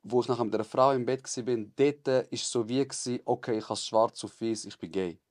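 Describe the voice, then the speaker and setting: A man's voice: mid-range voice, fairly even intonation, brisk, dry recording, clean studio sound. A man with a Swiss German accent hosting a casual podcast, asking curious, probing questions. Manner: curious, asks probing questions, quiet backchannels. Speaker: podcast host. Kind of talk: casual interview chat.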